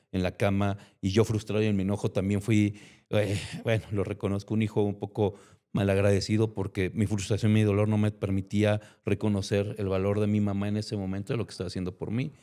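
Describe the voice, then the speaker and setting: A man's voice: fairly low pitch, little pitch movement, brisk, dark tone. A man with a Mexican accent, a guest giving an emotional personal testimony and acting out remembered conversations. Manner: emotional storytelling, acts out remembered dialogue.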